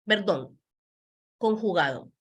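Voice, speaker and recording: A woman gives a beginner grammar lesson at an unhurried pace. Her voice moves animatedly up and down as she stresses key words. She repeats examples patiently and slips into English to explain. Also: mid-range voice, expressive, slightly rough. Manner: switches between Spanish and English, patient, repeats words slowly. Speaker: Spanish teacher. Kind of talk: slow explanatory language lesson.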